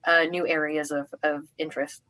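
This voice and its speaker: A woman's voice: sits low, level tone, moderate pace, a bit bright. A young adult woman from the United States, a combat athlete chatting in an interview, upbeat with many restarts. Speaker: guest, armored combat athlete. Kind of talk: casual interview.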